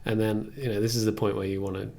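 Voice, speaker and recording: Over loud music, a young man with a lowish voice talks fast in a level tone. He streams a music production tutorial from a computer desk indoors, chatting casually and thinking aloud uncertainly as he works.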